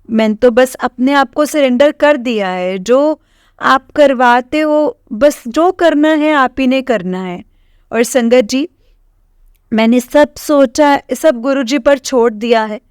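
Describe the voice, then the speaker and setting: A woman's voice: sits high, smooth, no room sound, studio quality. A woman from Punjab with a Punjabi accent, earnestly and emotionally sharing her devotional testimony with the congregation, repeating her phrases. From Punjab, India.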